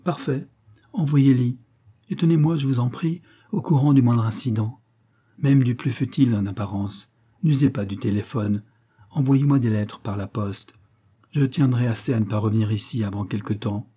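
Male reader as a poised young female investigator, brisk and dark-toned. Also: mid-range voice, breathy edge, natural voice. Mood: firm. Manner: composed, brisk instructions. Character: young woman sleuth, calm and self-assured.

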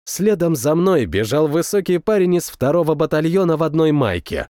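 A man narrating a first-person war story as an audiobook, reading with expressive, dramatic delivery. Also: on the high side, moderate pace, no room sound, clean studio sound.

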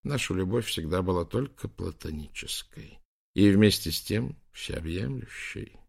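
A man voicing a gentle, sorrowful elderly bishop in an audiobook, speaking softly and confidingly. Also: low-pitched, animated, unhurried, creaky, slightly rough, heavily acted. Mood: confessing.

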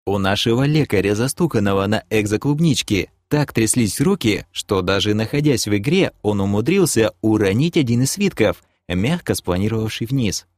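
A man narrates a fantasy audiobook in the first person. His pitch moves a lot, giving the reading an animated feel. The recording is dry and close. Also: normal speed, hardly any pauses, no echo.

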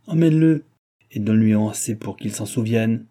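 A man's voice: fairly low pitch, a little fast, mellow, natural voice. Man playing a brusque impatient village judge. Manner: brusque, commanding.

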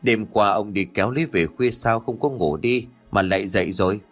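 A man voicing a calm, sensible middle-aged village wife who reasons with her husband and neighbor, over faint background music. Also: fairly low pitch, fairly quick, slightly rough. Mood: soothing. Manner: soothing, reasoning tone.

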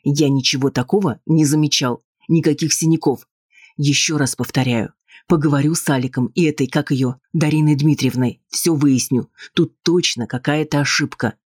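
A man voicing a cool, patronizing husband, husky in tone and dismissive in manner. He stays in his own register, recorded close and dry, like an audiobook reading. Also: fairly high pitch, fairly even intonation, normal speed, a little mellow, no echo. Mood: condescending. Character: cold, condescending husband, adult man.

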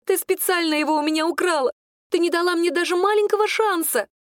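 A woman's voice: normal speed, no echo, clean studio sound, lightly acted. A woman reading an audiobook, voicing a jealous, accusing young serving girl. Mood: tearful. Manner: accusing, shrill and tearful. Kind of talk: audiobook character voice.

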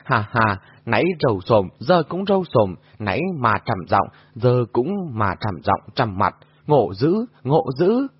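A man's voice: mid-range voice, big pitch swings, a little slow, slightly rough, no echo. A man doing a jeering martial artist. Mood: amused. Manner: jeering, amused. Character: boisterous laughing male martial artist. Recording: dull lo-fi audio.

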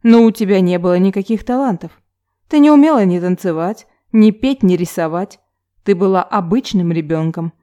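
Woman narrator as a reproachful adult woman, harsh, lecturing, mellow dark tone, audiobook. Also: mid-range voice, moderate pace, dull audio, natural voice. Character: adult woman confronting her younger self, stern. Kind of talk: audiobook character reading.

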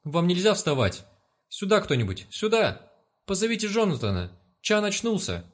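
A man voicing a frightened young woman who is tending a patient and pleads in a high, panicked voice. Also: animated, normal speed.

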